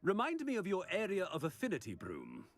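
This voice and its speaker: A man's voice: high voice, wildly swooping pitch, brisk. A man playing a pompous, easily flustered headmaster in a video game, a petty tyrant with an imperious, dismissive way of talking. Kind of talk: theatrical video game acting.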